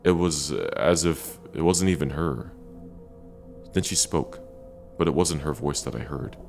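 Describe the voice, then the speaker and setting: Casting: male horror storyteller, extremely low gravelly voice, dramatic and deliberate, over faint music. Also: lively intonation, darkish tone. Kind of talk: first-person scary story narration.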